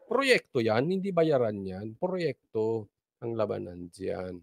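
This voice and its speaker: A man's voice: fairly low pitch, big pitch swings, slow, gravelly. A man from the Philippines giving casual political commentary in a mocking, sarcastic way, laughing often.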